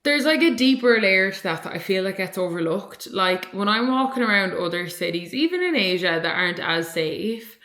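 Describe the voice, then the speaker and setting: A woman's voice: mid-range voice, animated, moderate pace, hardly any pauses, fairly bright tone. Chatty Irish woman in an echoey room. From Ireland. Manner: chatty, rambling, lots of "like" fillers. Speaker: vlogger and online coach. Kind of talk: casual vlog chat. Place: at home, indoors.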